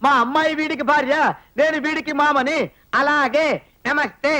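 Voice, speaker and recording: A man's voice: very high-pitched, fairly even intonation, moderate pace, heavy background noise. An actor playing an older man posing as a father-in-law, rattling off rehearsed lines in a comic film scene.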